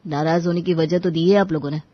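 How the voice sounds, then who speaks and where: A woman voicing a hot-tempered young married man who is protective of his father and quick to raise his voice. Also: lowish voice, steady tone, dry recording, lo-fi sound, natural voice. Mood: remorseful. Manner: indignant, raises voice.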